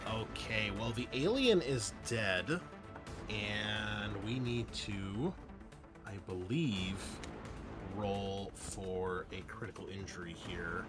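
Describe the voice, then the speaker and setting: Running a tabletop roleplaying game, a man speaks slowly in a lowish voice, casually reasoning out loud through the rules as game master. Music plays behind him throughout.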